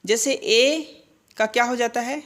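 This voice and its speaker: A woman gives a grammar lesson at a steady, deliberate pace. She sounds out each piece slowly, poses questions and answers them herself. She often checks in with her students. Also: fairly high pitch. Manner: asks and answers her own questions, frequent "theek hai" and "hai na" check-ins; slow, deliberate spelling-out of sounds. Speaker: Hindi grammar teacher. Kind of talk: classroom-style grammar lesson.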